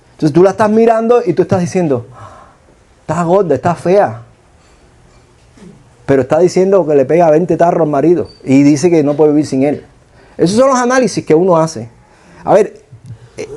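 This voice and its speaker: A man's voice: sits high, warm tone. A middle-aged man with a Cuban accent preaching a sermon, telling stories and asking rhetorical questions. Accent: Cuban Spanish.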